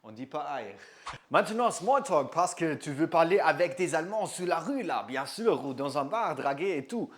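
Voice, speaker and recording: A young man from northern Germany teaching German in a casual lesson, slowly repeating words so they stick. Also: fairly high pitch, animated. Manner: slow and patient, repeats words to drill them.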